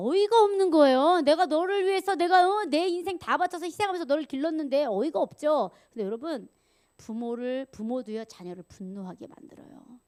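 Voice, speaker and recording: A woman evangelist preaching a sermon, animated, acting out angry voices and dropping to whispers. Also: on the high side. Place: church sanctuary.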